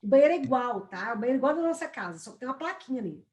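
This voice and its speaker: A woman giving a lively training lesson, often calling on students by name. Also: sits high, rapid-fire. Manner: animated, addresses students by name. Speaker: corporate trainer. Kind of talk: live training talk.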